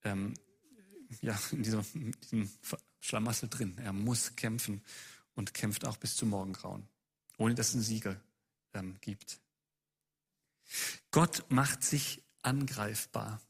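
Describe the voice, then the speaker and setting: A man's voice: on the low side, steady tone, measured pace, husky. A man preaching a sermon who presses his listeners with a long run of urgent rhetorical questions.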